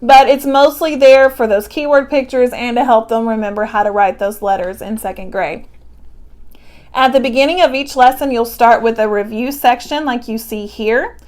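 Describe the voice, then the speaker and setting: A woman with a Texan accent explains a classroom phonics lesson step by step. Her voice sits a little high, and she talks in a friendly, patient, explanatory way with casual fillers. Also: moderate pace, darkish tone. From Texas, US. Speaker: teacher and curriculum presenter. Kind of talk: instructional walkthrough.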